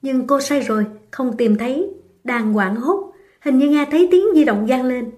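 A woman narrating a romance novel in a steady, even reading voice. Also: sits high, moderate pace. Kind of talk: scripted audiobook narration.

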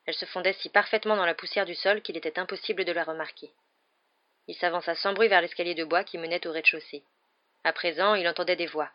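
A woman reading an audiobook in an even, measured storytelling manner, in a dull lo-fi recording. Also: lowish voice. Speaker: audiobook reader. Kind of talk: audiobook narration.

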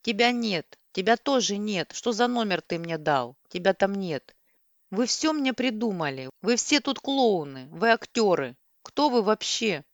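A woman's voice: mid-range voice, lively intonation, unhurried, no echo, highs cut off, natural voice. A woman voicing a distraught young woman who is crying and pleading. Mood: frantic shouting.

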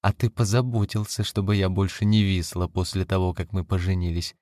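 A man reading an audiobook, voicing a furious, defiant young wife who shouts scornfully and rises into shrill cries. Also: level tone, fairly quick, no room sound, studio quality, natural voice. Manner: shrill, scornful, rising to screams.

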